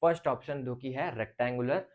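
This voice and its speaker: A man of medium pitch, heard on a muffled recording, talks through a physics question as a teacher explaining a lecture on light. He thinks aloud at an easy, casual pace and stops regularly to check his students are following.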